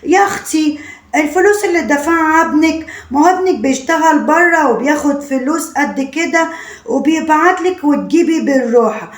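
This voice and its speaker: A woman with an Egyptian accent voicing a scornful, loud middle-aged mother-in-law who scolds quickly and shrilly. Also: high voice, natural voice. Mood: scolding. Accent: Egyptian Arabic. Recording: roomy echo.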